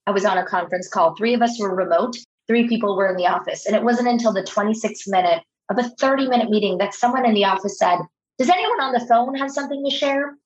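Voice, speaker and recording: Talking at a quick pace in a medium-pitched voice, this thirties-aged woman author tells earnest anecdotes during an interview, often repeating words as she restarts her sentences. The audio is lo-fi and slightly dull.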